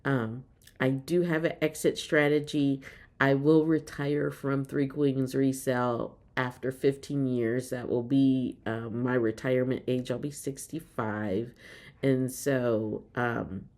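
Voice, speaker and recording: A woman's voice: very deep voice, fairly even intonation, takes it slowly, darkish tone. A woman about fifty chatting casually to her viewers as a vlogger, with frequent ums and an upbeat tone. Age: 50s. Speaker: reseller vlogger. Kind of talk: casual chat to camera.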